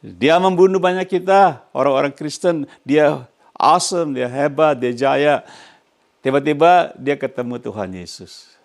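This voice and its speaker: An older man preaching a lively sermon as a pastor, animated and often chuckling, dropping English phrases into his talk. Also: fairly high pitch, a little slow, creaky.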